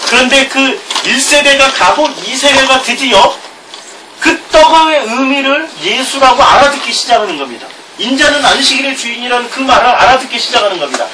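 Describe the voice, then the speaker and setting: A man's voice: extremely high pitch, expressive, fairly quick. A middle-aged male pastor with a Gyeongsang Korean accent, preaching a sermon, reading scripture aloud with chuckling asides. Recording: distant mic with background noise.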